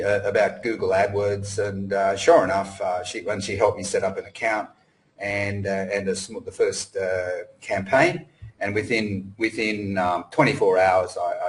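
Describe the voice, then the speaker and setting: A man's voice: on the low side, rough recording. Rambling Australian-raised man presenting. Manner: rambling, many fillers and restarts. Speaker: webinar presenter. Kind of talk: casual presentation. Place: home in Cambodia.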